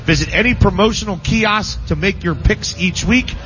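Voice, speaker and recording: Broadcasting live from a casino, a man hosts a sports radio show, trading jokes with his co-hosts and reading sponsor copy briskly. His voice is high-pitched and a bit bright. The studio audio is slightly dull, with faint noise.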